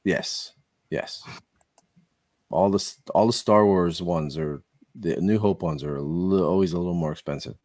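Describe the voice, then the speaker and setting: Male host, very low voice, dry close sound, eager rambling chat. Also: normal speed, a little mellow, no room sound. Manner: enthusiastic, rambling with restarts. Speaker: podcast host. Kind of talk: casual chat.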